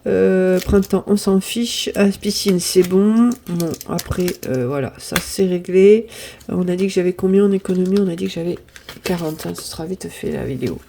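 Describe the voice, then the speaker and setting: Sorting and counting her savings at home, a woman in her fifties who runs a budgeting vlog chats casually, apologizing often and exclaiming when pleased. Pollen has her sniffling; her low voice is creaky and dark, at a moderate pace, with slight background noise.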